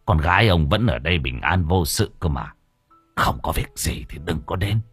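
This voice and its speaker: A man's voice: deep voice, lively intonation, normal speed, fairly bright tone, husky, no echo, soft background music, heavily acted. A man reading an audio story and voicing a stern male servant who curtly orders a visitor away. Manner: curt, firm, threatening.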